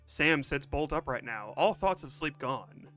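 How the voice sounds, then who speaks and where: A man's voice: fairly high pitch, animated, a little slow, pushed and bright, faint music behind. A man streaming a game, joking around casually and reading its narration aloud. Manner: joking, laid-back, reads narration aloud.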